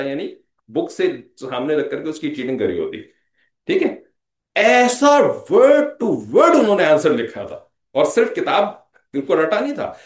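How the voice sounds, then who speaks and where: A man's voice: high voice, roomy sound. Man giving a lecture. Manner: conversational, repeats "theek hai" as a check-in; mixes English phrases into speech. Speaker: religious lecturer. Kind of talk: Islamic lecture.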